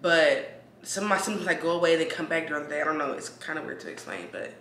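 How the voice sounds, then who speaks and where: Young adult co-host, bright tense tone, emphatic casual talk, echoey room. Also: mid-range voice, sing-song, quick pace, slight background noise. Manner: chatty, emphatic, addresses viewers as "y'all". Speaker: vlogger. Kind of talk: casual chat. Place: at home. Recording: roomy home room.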